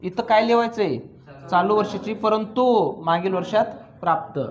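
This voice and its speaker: A man teaching accounts in a classroom, with a high-pitched voice. He keeps firing questions at the students and pulls their answers out of them. His delivery is teasing and full of drills. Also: moderate pace, highs cut off. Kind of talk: classroom lecture.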